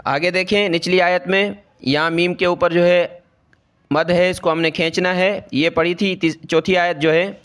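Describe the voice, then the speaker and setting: A man teaching Quran reading, who explains pronunciation rules quickly and then recites each word slowly and drawn out. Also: sits high, steady tone, a bit bright, smooth. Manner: rapid explanations alternating with slow drawn-out recitation of words; asks and answers his own questions, repeats words, checks understanding.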